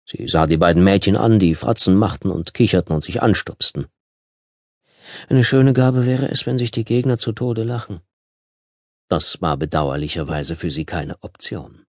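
Tiefe, ruhige Männerstimme im Hörbuch. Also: male voice, sits low, lively intonation, normal speed, darkish tone, no echo, studio quality. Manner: ruhig, gemessen erzählend. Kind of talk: scripted narration. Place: Tonstudio.

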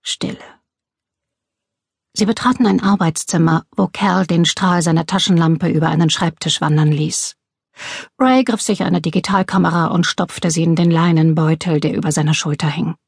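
A woman reading a crime novel aloud in steady, measured audiobook narration. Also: on the low side, gravelly, slightly rough, no echo, clean studio sound.

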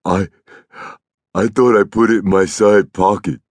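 A man voicing a big, childlike, simple-minded man in an audiobook, with slow, halting, naive rural American speech. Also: lowish voice, fairly even intonation, dry recording, voice pushed up. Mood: worried, sheepish.

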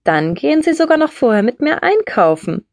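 A woman's voice: high-pitched, very animated, brisk, dry recording, studio quality, pitched above the performer's own voice. A woman voicing a streetwise young woman who talks bluntly and breezily in an audiobook. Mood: breezy. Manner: blunt, breezy, matter-of-fact.

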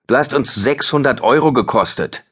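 A man's voice: medium pitch, moderate pace, a bit bright, husky, pitched above the performer's own voice. A man voicing a blunt male bandleader who curtly fires his friend from the band. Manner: curt, dismissive.

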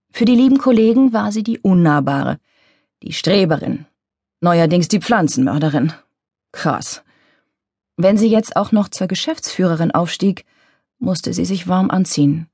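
A woman reading a contemporary novel as an audiobook, with wry, lively storytelling. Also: lowish voice, measured pace, creaky, slightly rough, dry recording, studio quality. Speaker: audiobook narrator. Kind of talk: scripted audiobook narration.

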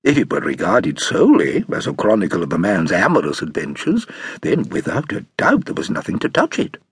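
An actor voices a suave, amused nephew recounting tales of his uncle, delivered as theatrical British audiobook narration with slow, savoring phrasing. His voice is low, gravelly and breathy-edged, with pitch that swoops wildly and a deliberately exaggerated style. The recording has no echo.

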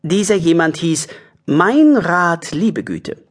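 A man narrating a children's audiobook in an expressive, storytelling way. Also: a little high, takes it slowly.

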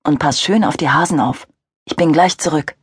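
A gentle, playful young father, as a woman narrator puts him on, speaking fondly and teasingly in a slightly husky mid-range voice. The sound is close and dry, like a studio audiobook. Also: low voice, normal speed, dry recording. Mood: cheerful.

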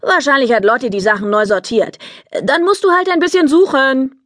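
A woman voicing a flustered, bossy mother in a children's audiobook, brisk and excitable. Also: high voice, no echo, clean studio sound, voice pushed up.

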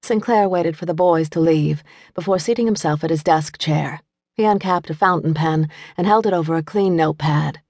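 A woman reading a mystery audiobook in clear, even scripted narration. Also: sits low, normal speed, no echo, clean studio sound. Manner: clear, even storytelling, playful voices for the mother.

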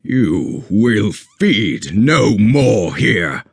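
A man voicing a stern, commanding male guardian mage with a measured, grave delivery. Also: lowish voice, big pitch swings, creaky, breathy edge, dry recording, clean studio sound, heavily acted.

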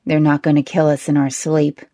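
A woman narrator voicing a young nobleman who speaks in a calm, commanding and slightly amused way, pitched a little lower than her narration. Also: fairly quick, no echo, clean studio sound.

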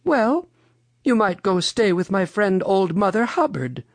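A reader voicing Mother Goose, a kindly old storybook lady with a dramatic, drawn-out way of exclaiming. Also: medium pitch, expressive, no echo, pitched above the performer's own voice. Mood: thoughtful.

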